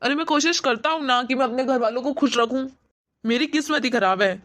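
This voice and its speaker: A woman's voice: high-pitched, a little fast. A woman voicing a meek, idle young husband in a cartoon story, pleading and defending himself. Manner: pleading, defensive, soft-spoken. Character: idle grown son and husband, meek and apologetic. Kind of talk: animated cartoon voice acting.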